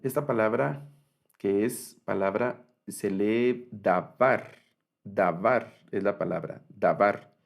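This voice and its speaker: A man gives a recorded lecture on Hebrew grammar. His voice sits on the low side with a gravelly edge. He explains patiently, pausing on fillers and repeating each word slowly. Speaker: Biblical Hebrew teacher.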